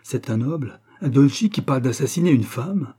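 A man reading aloud and voicing a proud young Venetian marquise in a shrill, desperate voice. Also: expressive, normal speed, warm tone, husky. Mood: shocked.

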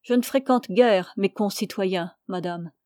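A woman reading the part of a shy, reserved young country gentleman who answers in short, guarded replies, in a storybook reading. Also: medium pitch, measured pace, no echo, clean studio sound, lightly acted.

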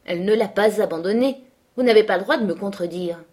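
A whiny, taunting sickly teenage boy, put on by a woman reading a novel aloud. He wheedles and needles in a slightly raised voice of middling pitch. The delivery is read from a book, plainly narrated. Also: quick pace, a little mellow, natural voice.

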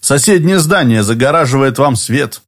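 Male narrator as composed lawyer; even, unhurried, persistent storybook voice. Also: mid-range voice. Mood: calm, insistent. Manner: even, deliberate and insistent.

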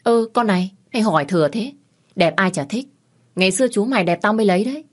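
A woman's voice: medium pitch, quick pace, voice pushed up, close to an everyday voice. Woman doing a blunt, teasing middle-aged aunt. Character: frank, cheerful middle-aged village aunt.

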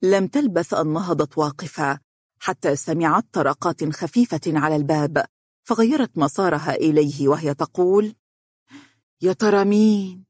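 A narrator reading a novel aloud in a steady storytelling manner. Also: medium pitch, moderate pace, husky, dry recording, studio quality.

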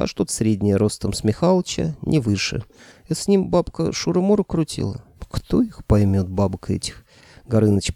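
A man reads an audiobook in an even, wry storytelling voice. His tone is dark and mellow with a gravelly texture. The sound is close and dry, with no room around it. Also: on the low side, dry recording. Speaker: audiobook narrator. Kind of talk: audiobook reading.

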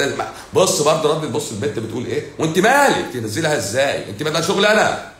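A man's voice: medium pitch, fairly bright tone, reverberant, slight background noise. A man with an Egyptian Arabic accent, a doctor hosting a livestream who answers viewer comments in a blunt, sarcastic, scolding way.

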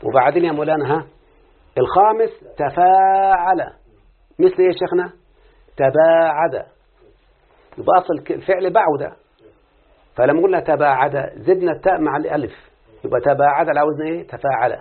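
Husky Egyptian male teacher, tinny recording. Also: on the high side. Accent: Egyptian Arabic. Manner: questioning, repeats patterns slowly for students. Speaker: teacher of Arabic morphology. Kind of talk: classroom lesson with student responses.

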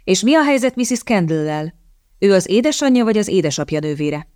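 A woman's voice: mid-range voice, very animated, a little mellow, no room sound, studio quality, natural voice. A woman reading aloud as a stern young English lord who speaks sharply and suspiciously, in a storybook reading. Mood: cool cutting. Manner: cool, cutting, suspicious.

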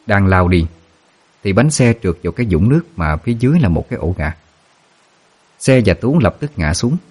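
A man narrating a ghost story in a steady, dramatic way. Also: on the low side, brisk, breathy edge.

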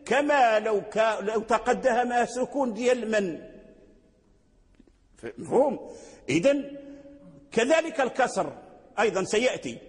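Moroccan sheikh giving a recitation lesson, repeats himself, asks then answers his own questions, long hall echo. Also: high-pitched. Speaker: Quran recitation teacher. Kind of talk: religious lecture.

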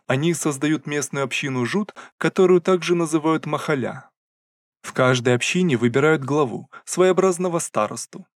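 A man narrates an audiobook in a steady, measured reading voice that sits in the mid-range. The recording is studio quality with no echo.

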